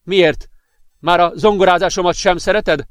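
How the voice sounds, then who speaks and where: A man's voice: on the high side, no room sound, studio quality, close to an everyday voice. A man voicing an agitated, volatile young man who talks insistently and flares into fury. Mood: excited. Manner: excited, insistent, increasingly furious.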